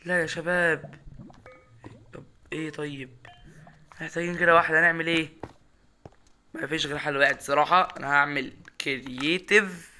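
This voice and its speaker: Excitable Egyptian gamer man. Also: on the high side, brisk, long pauses, a little hiss or hum. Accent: Egyptian Arabic. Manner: excitable, talks to viewers, shouts and repeats words in bursts. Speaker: gaming YouTuber. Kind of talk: Minecraft gameplay commentary.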